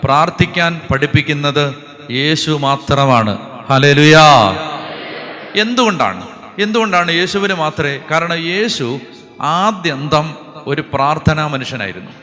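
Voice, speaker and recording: A priest preaching a sermon, often questioning the congregation and moving between loud proclamation and quiet asides. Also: male voice, fairly high pitch, lively intonation, moderate pace. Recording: long hall reverb with faint music behind.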